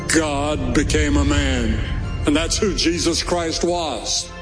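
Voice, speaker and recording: Slow emphatic male preacher over music. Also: fairly high pitch. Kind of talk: sermon excerpt. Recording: sermon over clear music.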